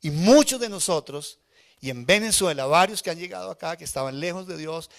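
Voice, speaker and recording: Man, fairly high voice, emotional testimony-style preaching that keeps questioning the church. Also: expressive, fairly quick, creaky. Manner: emotional personal testimony, asks the congregation questions. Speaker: pastor. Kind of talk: live sermon. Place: church sanctuary before a congregation.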